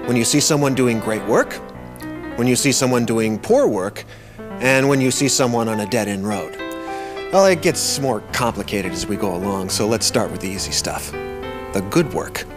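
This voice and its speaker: A man's voice: medium pitch, animated, normal speed, music in the background. A man presenting a workplace coaching lesson in a conversational, emphatic scripted narration.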